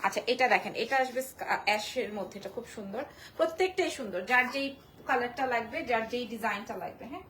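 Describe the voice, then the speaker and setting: A woman selling clothes on a live stream from a small shop, repeating prices and sizes in a quick sales patter. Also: on the high side, fairly bright tone, slight background noise. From Bangladesh. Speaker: online clothing shop seller.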